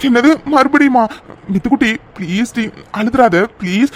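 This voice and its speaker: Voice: medium pitch, moderate pace, a little hiss or hum, close to an everyday voice. A voice actor playing an affectionate young man in a cartoon love story, coaxing and pleading with his fiancée to stop crying. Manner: coaxing, pleading and playfully bossy. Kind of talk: cartoon voice acting.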